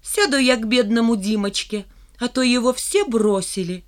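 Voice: mid-range voice, moderate pace, pitched above the performer's own voice, close to an everyday voice. A reader voicing a sly, mocking schoolgirl in an audiobook, teasing and challenging. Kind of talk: audiobook character reading.

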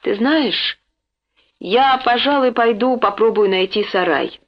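A woman's voice: on the high side, slow. A woman voicing a frightened but stubborn young boy who cries out and pleads breathlessly. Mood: distressed. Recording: dull lo-fi recording.

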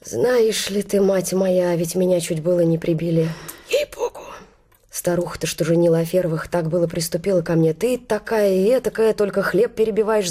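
A bustling older matchmaker gossips and flatters in a lively, exclaiming stream, as a woman plays her. She mimics the people she tells about. It is a stage play performance. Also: medium pitch, close to an everyday voice.

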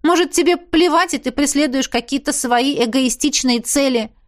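A woman voicing a fiery young heroine who is quick to anger, talking sharply and sarcastically. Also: high voice, voice pushed up, lightly acted. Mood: exasperated.

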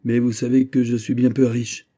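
A man voicing a polite, reserved young king who speaks in a courteous, measured way. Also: mid-range voice, flat delivery, warm tone, voice pushed up, natural voice.

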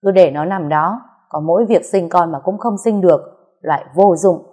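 A stingy, sharp-tongued older mother-in-law, barking blunt scoldings, as a woman storyteller puts her on. The voice sits low and mellow in a spoken ghost-story reading. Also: moderate pace, close to an everyday voice. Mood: contemptuous.

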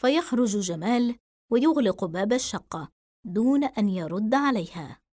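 A woman's voice: a little high, animated, moderate pace, a little mellow, dry recording, studio quality. Woman narrating an audiobook.

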